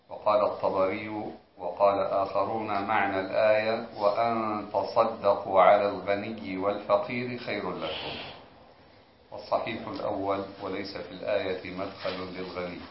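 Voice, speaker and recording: A man reciting a classical commentary aloud in a formal, measured way during a religious lesson. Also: fairly low pitch, little pitch movement. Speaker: student reading the text aloud. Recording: echoey room, dull lo-fi recording, faint noise.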